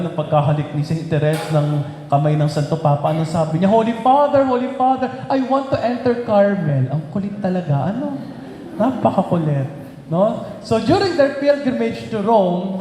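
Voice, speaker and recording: A man preaches in a high, animated voice and keeps checking in with his listeners through little tag questions. His words ring through a large, echoey hall with a long reverb tail. A faint hiss sits underneath. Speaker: speaker at a shrine talk. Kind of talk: preaching talk.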